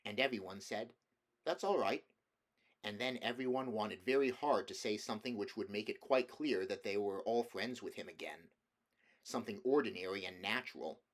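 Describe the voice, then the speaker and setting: An amateur audiobook reader, a man with a lowish voice, narrates a children's fantasy novel a little quickly, reading it as scripted storybook narration.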